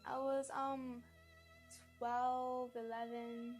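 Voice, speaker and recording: Young girl, high voice, chatty interview answers, music playing clearly behind her. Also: flat delivery, extremely slow.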